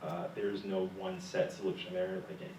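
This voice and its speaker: A man's voice: low voice, monotone, moderate pace, darkish tone, echoey room, far from the mic, slight background noise, low-quality recording. A young man answering interview questions, telling stories with humor and laughing often. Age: young adult. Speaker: guest speaker, graduate student.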